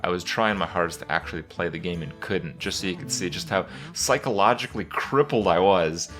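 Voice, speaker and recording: Deep-voiced man, halting casual commentary. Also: a bit bright, soft background music. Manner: halting, rambling, with many pauses and repeats. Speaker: gaming video host.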